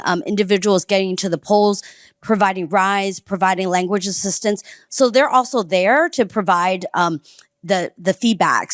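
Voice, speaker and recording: Female panelist, enthusiastic explainer, mid-pitched, dry close recording. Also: dry recording. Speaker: panelist from a civic organization. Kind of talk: panel discussion.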